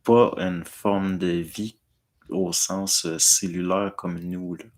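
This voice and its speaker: A man's voice: sits low, level tone, slow pace. A man with a Quebec French accent, rambling casually as he answers viewers and tacks a drawled "là" onto his phrases. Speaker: host.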